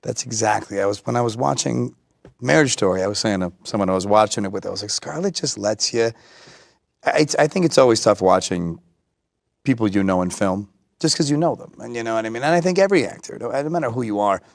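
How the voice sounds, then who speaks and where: Actor guy thinking out loud, halting, dry sound. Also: lowish voice, animated, gravelly, no room sound. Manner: reflective, halting. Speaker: actor guest. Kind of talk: casual conversation.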